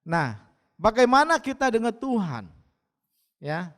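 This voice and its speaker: A man's voice: sits high, sing-song, takes it slowly, fairly bright tone. A male pastor with an Indonesian accent preaching an earnest sermon in a church, punctuating his phrases with short affirmations. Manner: earnest, repeats "ya" between phrases. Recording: church hall with long reverb.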